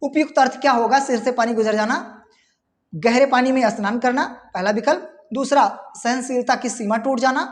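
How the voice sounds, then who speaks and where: A woman's voice: fairly high pitch, fairly even intonation, brisk, long reverb tail. A woman teacher going through exam questions, reading out the options and repeating key words. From India. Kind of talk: exam-prep lesson.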